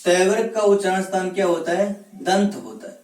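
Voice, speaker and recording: A man teaching Hindi grammar in a classroom-style lecture. He asks questions and answers them himself, and he sounds out letters slowly one at a time. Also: sits high, lively intonation, a little mellow. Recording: echoey room, voice from a distance.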